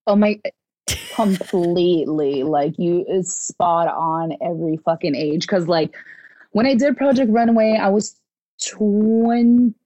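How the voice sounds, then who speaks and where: A woman in her twenties chats casually as a podcast guest, animated and occasionally swearing while acting out what people said. Her voice is fairly low and unhurried, captured in a dry recording.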